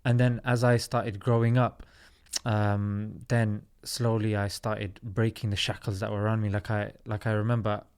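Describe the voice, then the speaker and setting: Guest voice: man, 30s, from South London, smooth and resonant, lowish pitch, earnest storyteller. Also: flat delivery, moderate pace, a little mellow. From South London, England. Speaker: podcast guest, comedy YouTuber. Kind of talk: casual interview talk.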